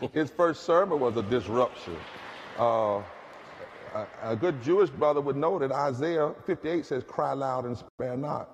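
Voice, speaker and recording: A man's voice: medium pitch, a little slow, dull audio, slight background noise. A man, an activist preacher, telling stories with a preacherly cadence in a public conversation. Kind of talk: impassioned storytelling in a public conversation. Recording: long reverb of a large hall.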